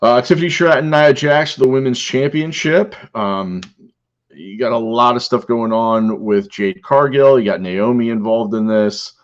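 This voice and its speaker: A man co-hosting a podcast in casual chat, an animated storyteller who laughs and acts out quotes. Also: medium pitch, normal speed, dull audio. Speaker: podcast co-host.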